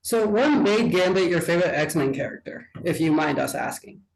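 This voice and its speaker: Young guy from wyoming hosting a podcast, high voice, echoey room. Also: moderate pace, gravelly. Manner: upbeat, relaxed question-asking. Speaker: podcast host. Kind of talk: casual interview chat.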